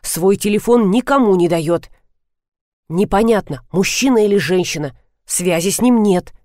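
A woman's voice: mid-range voice, moderate pace, darkish tone, no room sound, clean studio sound, lightly acted. A woman voicing a pushy, frantic young mother who is insistent and tearful. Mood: gossipy.

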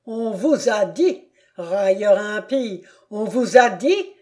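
Woman doing an enraged noble count, booming accusations, slow heavy delivery, storybook reading. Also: lightly acted. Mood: furious. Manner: thundering, shouting accusations. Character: furious proud aristocratic count, a middle-aged father.

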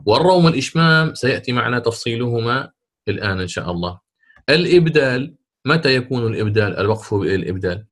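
Man, tajweed teacher, patient explanation, slow drawn-out example words, repeats points. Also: mid-range voice, expressive, fairly bright tone. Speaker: Quran recitation teacher. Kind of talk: explaining tajweed rules in a lesson.

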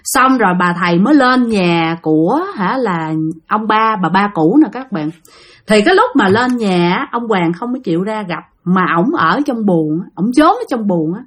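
A woman's voice: mid-range voice, animated, moderate pace. A woman with a Southern Vietnamese accent telling a spirit story casually, chatting directly to her listeners.

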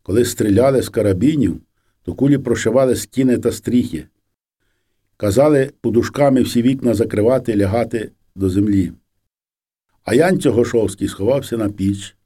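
A man reads a memoir aloud in a steady, measured audiobook style. His voice is mid-pitched with a dark, mellow warmth. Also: slightly rough. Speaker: audiobook reader.

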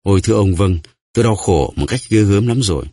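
A man voicing a terrified, starving greedy prisoner who pleads and stammers, in a husky voice. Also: fairly low pitch, expressive, fast talker, mellow, no echo, studio quality. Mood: pleading.

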